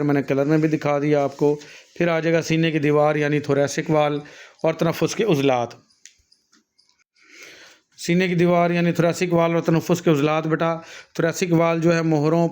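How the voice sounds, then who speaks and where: Walking his class through anatomy diagrams, a male nursing and health teacher speaks patiently, often addressing students as "beta" and frequently using fillers and self-corrections. His voice sits on the high side, a little mellow, with a clean tone.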